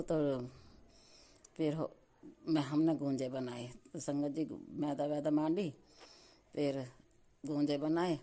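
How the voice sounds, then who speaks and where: A woman's voice: low voice, dark tone. A middle-aged woman from Delhi giving a devout, repetitive testimony to her congregation, often breaking off words and starting over. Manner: devout, repetitive, many restarts; halting, cuts off words midway. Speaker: devotee sharing testimony.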